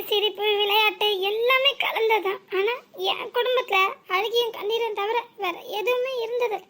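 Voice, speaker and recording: A woman's voice: very high-pitched, a bit bright. A woman voicing a fiery young daughter-in-law in a village cartoon comedy, ranting dramatically with a southern Tamil Nadu accent.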